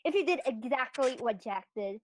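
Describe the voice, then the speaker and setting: A woman's voice: on the high side, animated, normal speed, low-quality recording. A young woman playing a tabletop game, pleading and questioning persistently. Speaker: player. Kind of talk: casual tabletop game play.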